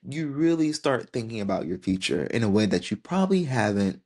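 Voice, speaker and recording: A woman in her twenties hosting her own podcast, talking alone in a gentle, heartfelt and unhurried way. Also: rumbling low, very animated, slightly rough. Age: 20s. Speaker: podcast host. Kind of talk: solo reflective podcast monologue.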